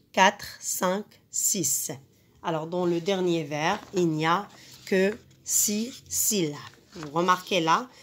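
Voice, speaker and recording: A woman teacher walks a class through a poem. She speaks very slowly and carefully, at a middling pitch, and leans on each syllable as she counts it out. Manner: slow, deliberate, stresses each syllable. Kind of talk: reading lesson on poetry.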